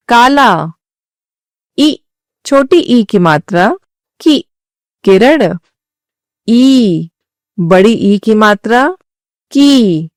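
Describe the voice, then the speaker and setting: A woman slowly reading a grammar textbook aloud as a lesson, saying the letters one at a time with long pauses. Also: mid-range voice, no echo, studio quality.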